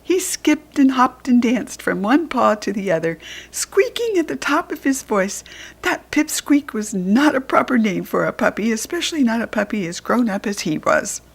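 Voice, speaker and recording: An American woman reads a children's storybook aloud with animated, deliberate emphasis on her words. Her pitch swings widely and lively, and her voice carries a slightly creaky, husky quality.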